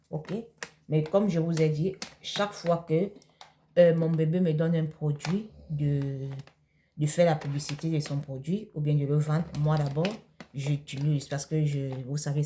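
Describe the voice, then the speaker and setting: A woman's voice: low-pitched, mellow, a little hiss or hum. A woman from Cameroon, talking casually in a vlog and answering viewer questions in a hesitant way, with many fillers and restarts. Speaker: vlogger.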